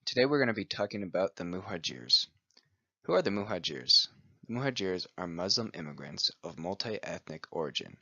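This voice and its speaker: A man reads a scripted presentation aloud in an even, steady way, his very deep voice carrying a sharp, forceful, creaky edge and moving a little fast. The recording is close and dry with no room sound, and it has a muffled, lo-fi quality.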